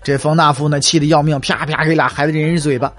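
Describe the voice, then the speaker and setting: A man's voice: a little high, little pitch movement, quick pace, fairly bright tone, faint music behind. A man, telling history as humorous, chatty storytelling with wry asides.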